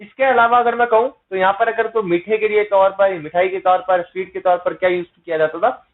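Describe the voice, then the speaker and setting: A man's voice: sits high, fairly even intonation, brisk. A man teaching an exam-prep lecture, asking rhetorical questions and checking in with his listeners. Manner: explains with repeated rhetorical questions and "है ना" tag checks; mixes English terms into explanations. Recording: tinny phone-like sound.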